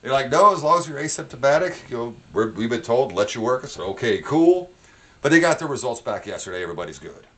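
A man's voice: medium pitch, fast. A man from upstate New York hosting a casual podcast, telling stories with plenty of swearing and acted-out quotes. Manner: animated, profane, acts out quotes. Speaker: podcast host. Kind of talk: casual chat, storytelling.

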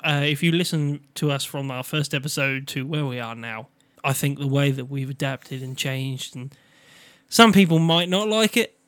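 A man's voice: medium pitch, moderate pace, a bit bright. A man with a Norfolk accent chatting casually as a podcast co-host. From Norfolk, England. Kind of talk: casual chat.

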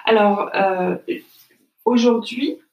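A woman's voice: mid-range voice, slow, gravelly, darkish tone, muffled recording. A woman from France, speaking as an interview guest, reflective and full of hesitant fillers. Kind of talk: casual conversational interview. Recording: echoey room, distant from mic.

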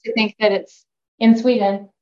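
A woman's voice: medium pitch, little pitch movement, normal speed, darkish tone. Norwegian woman, forties, podcast guest, friendly and chatty, dull lo-fi sound. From Norway. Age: 40s. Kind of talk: casual podcast interview.

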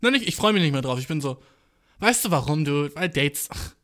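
Young male podcast host, slangy and self-mocking, slightly high voice, acts out his inner voice. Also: lively intonation, a little fast, fairly bright tone. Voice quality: slangy, swears a lot, mixes in English. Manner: self-mocking, laughs often, acts out his own thoughts. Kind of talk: casual storytelling monologue.

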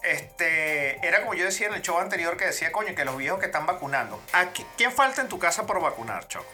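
A woman co-hosting a comedy podcast, irreverent and swearing in quick crude banter. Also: on the low side, lively intonation, pushed and bright, faint music behind. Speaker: podcast co-host.

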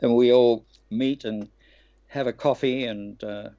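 A man's voice: medium pitch, fairly even intonation, measured pace, warm tone, dull audio. An older man, a voice actor telling rambling anecdotes as an interview guest, with frequent ums and restarts. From Australia. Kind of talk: relaxed anecdotal interview talk.

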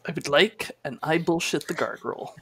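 A woman narrating a tabletop game as game master, chatty and animated, with playful asides. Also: low-pitched, normal speed, breathy edge.

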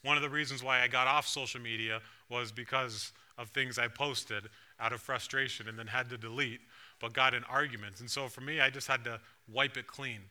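A man's voice: mid-range voice, steady tone, brisk, sharp tone. A man pastor preaching a sermon in a church, talking conversationally and putting questions to the congregation. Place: church sanctuary.

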